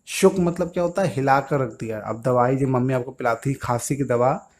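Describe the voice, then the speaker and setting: A man's voice: medium pitch, fairly quick. A man teaching English words to young children, patiently asking questions and answering them himself.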